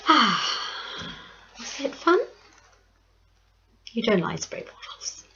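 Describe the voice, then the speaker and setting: A woman playing a teasing, mock-polite detective going through evidence in a soft ASMR role-play. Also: fairly high pitch, big pitch swings, slow pace, gravelly, muffled recording, exaggerated voice.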